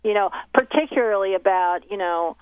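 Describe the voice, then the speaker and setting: Speaking by phone as an interview guest, a woman journalist who grew up in Haiti with Haitian Creole as her first language talks casually in a mid-range voice at a moderate pace. She rambles through her thoughts with lots of restarts and fillers. Her voice comes across thin and tinny, and the recording is dry with no room around it.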